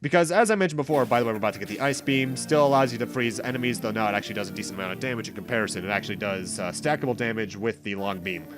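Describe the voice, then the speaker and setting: A man with a lowish voice races through his let's play commentary, barely pausing at all. He hosts a video game playthrough series, and his talk is casual and meandering, full of explanations and self-corrections, with game music playing underneath.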